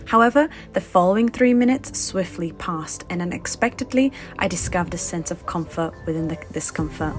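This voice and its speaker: A woman reading a reflective, measured voice-over for her vlog. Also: fairly low pitch, lively intonation, faint music behind. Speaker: vlogger. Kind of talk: scripted voice-over narration.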